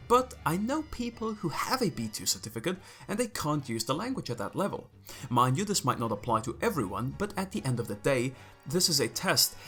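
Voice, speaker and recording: This video creator is a young native Croatian speaker from Croatia whose mid-range voice sounds pushed and bright. Talking to camera from a script, he explains things to his audience with strong opinions and the occasional dry aside.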